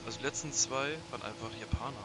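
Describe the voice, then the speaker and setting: A man's voice: medium pitch, rapid-fire, background noise. A man in casual gaming chat, explaining things and checking that others follow.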